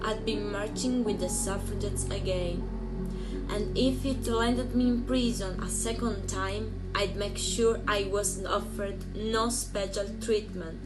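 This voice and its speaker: A woman's voice: medium pitch, steady tone, slow, lightly acted, low-quality recording. A woman playing a brave upper-class suffragette who tells her own story in an earnest, emphatic way. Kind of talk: historical drama acting. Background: music.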